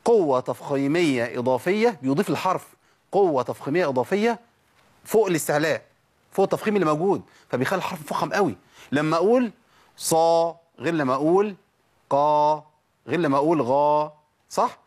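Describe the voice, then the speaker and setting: A man with an Egyptian accent teaching Quran recitation, asking questions and answering them himself, and stretching out example syllables slowly. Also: fairly high pitch, lively intonation, husky. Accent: Egyptian Arabic. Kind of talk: tajweed lesson.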